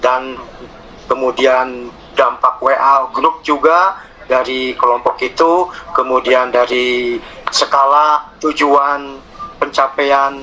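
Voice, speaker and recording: A man moderating an online meeting, speaking haltingly with many fillers and pauses. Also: mid-range voice, steady tone, sharp tone, slight background noise, poor audio.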